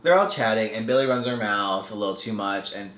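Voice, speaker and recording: A man's voice: lowish voice, a little fast, fairly bright tone, roomy sound. A man hosting a film podcast, recapping a movie in a sarcastic, casual way and acting out the characters.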